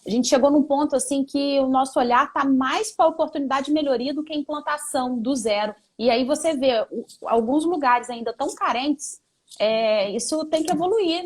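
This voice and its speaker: A woman hosting a live-stream interview, chatty and friendly toward her guest, with frequent conversational fillers. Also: high voice.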